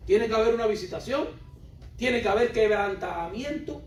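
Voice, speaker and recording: A man's voice: high-pitched, animated, normal speed, slight background noise. A man preaching a sermon, emphatic and repetitive, putting questions straight to his congregation. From Cuba. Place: church hall. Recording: roomy hall, voice from a distance.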